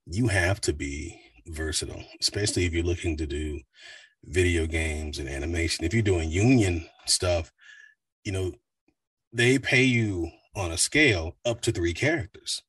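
Deep baritone voice actor, slightly off-mic. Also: male voice, breathy edge, no room sound, distant mic. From United States. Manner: animated, slips into quick voice demos. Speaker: voice actor and coach. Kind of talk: casual interview talk.

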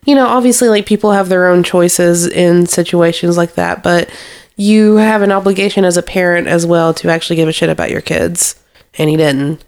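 A woman's voice: on the low side, fairly even intonation, normal speed, a little mellow. A young woman co-hosting a casual movie podcast, retelling scenes and laughing often. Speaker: podcast co-host. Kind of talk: casual movie review chat.

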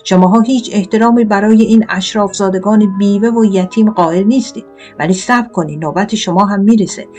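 A woman voicing a pompous, bullying male tomato knight in a storybook reading, shouting threats. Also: on the high side, soft background music, pitched above the performer's own voice, lightly acted. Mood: blustering angry. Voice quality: shouting, blustering.

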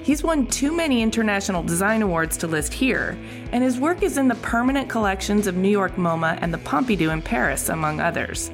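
A woman's voice: mid-range voice, expressive, fairly quick, over music. A woman host reading an introduction and asking interview questions. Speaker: podcast host.

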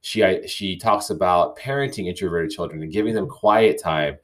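A man with a somewhat low voice talks through his thoughts on a solo podcast. He reads listener emails aloud, then comments on them in a reflective, unhurried way, often restarting a phrase as he goes. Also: fairly bright tone. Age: young adult or middle-aged, parent. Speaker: podcast host. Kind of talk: casual solo podcast talk.

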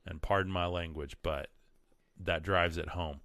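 A man's voice: low-pitched, fairly even intonation, measured pace, fairly bright tone, no echo. A man with a West Texas twang talking as a livestream host, earnest and emphatic, often repeating words for emphasis. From West Texas, United States. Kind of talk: casual livestream monologue with read-out comments and quotes.

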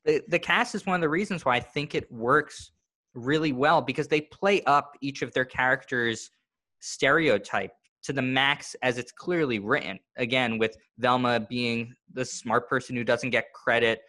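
A man's voice: medium pitch, moderate pace, bright, forceful tone. A man co-hosting a podcast, talking in a chatty, analytical way with long run-on sentences. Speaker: podcast co-host. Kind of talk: casual podcast discussion.

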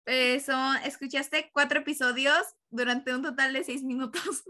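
A woman with a high, bright voice chats casually as a podcast co-host. She teases her partner and drops dry, ironic remarks in an informal way. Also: fairly even intonation, measured pace. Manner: teasing, dryly ironic. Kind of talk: casual chat between podcast co-hosts.

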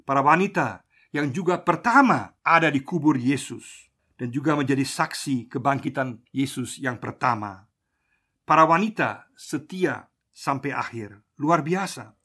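A male pastor delivers a radio sermon. His preaching is measured, and he slows down to stress key phrases. His voice sits at an ordinary middle pitch. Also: sharp tone, slightly rough. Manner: measured preaching, slows for emphasis, uses Papuan slang phrases.

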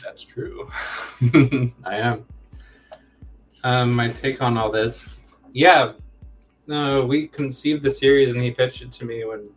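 A man's voice: mid-range voice, fairly even intonation, slow, long pauses, faint music behind. A man of about thirty, a guest in a casual interview, rambling and joking at his own expense. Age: 30s. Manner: rambling, self-deprecating joking. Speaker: comic co-creator, guest.

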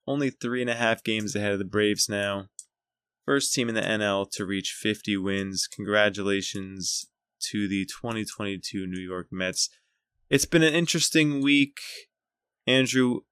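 A man's voice: lowish voice, a bit bright, smooth, dry recording. A man hosting a sports podcast in a casual, conversational way. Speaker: podcast host.

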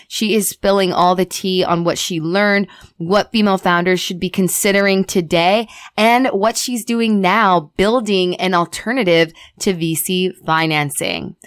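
A woman hosts her podcast with a brash, slangy energy, tossing in casual address to her listeners. Her voice sits at an ordinary pitch for a woman. The recording is dry and close. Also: fairly bright tone, smooth, no room sound. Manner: brash, slangy, says y'all and honey. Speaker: podcast host.

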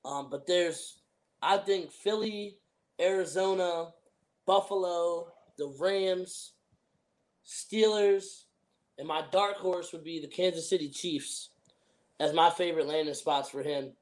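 Young guy hosting a sports pod, kinda high voice, bro-y slang, casual but big on opinions. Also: slow. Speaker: sports podcast host.

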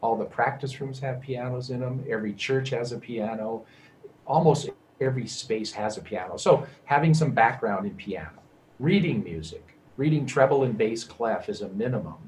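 A man who teaches percussion, explaining music degrees in a measured, explanatory way. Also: mid-range voice, expressive, a little mellow, slight background noise, low-quality recording. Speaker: music professor. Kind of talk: conversational interview.

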